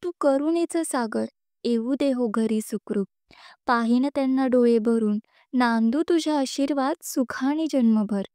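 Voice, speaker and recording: A woman's voice: a little high, a little slow, warm tone, clean tone, no room sound, clean studio sound, close to an everyday voice. A woman reading as a young wife pleading in prayer. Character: devout young wife praying for her husband.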